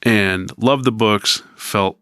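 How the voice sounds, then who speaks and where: A man in his fifties with a very low, bright, crisp voice talks in a loose, rambling way, pausing with lots of ums. The sound is dry and close, like a studio mic. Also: no echo. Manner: rambling, hesitant with many ums. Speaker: podcast co-host. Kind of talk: casual podcast chat.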